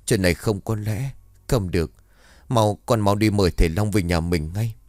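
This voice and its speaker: A man's voice: on the low side, normal speed, darkish tone, no room sound, studio quality, natural voice. A man voicing a grief-stricken old mother who wails and stammers. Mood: frightened. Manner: wailing, stammering.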